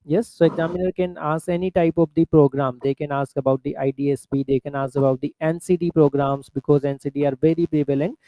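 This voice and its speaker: A man with an Indian accent gives instructive interview feedback in a halting way. His voice is very soft-edged and mellow, slightly high, in a dry recording. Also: fairly even intonation, no echo, rough recording. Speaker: mock interviewer and coach.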